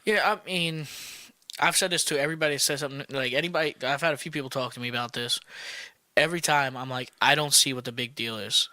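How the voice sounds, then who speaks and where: A man's voice: mid-range voice, quick pace, bright, forceful tone, no room sound. A man co-hosting a casual sports podcast, laid-back and skeptical, talking loosely with plenty of fillers. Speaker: podcast co-host.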